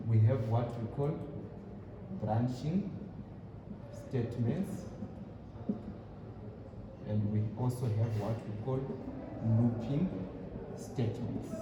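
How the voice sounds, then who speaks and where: A man's voice: medium pitch, slow pace, long pauses. Guy teaching a class, very echoey room, far from the mic, noisy. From Zimbabwe. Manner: repetitive, asks rhetorical fill-in questions. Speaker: programming lecturer. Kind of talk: classroom lecture.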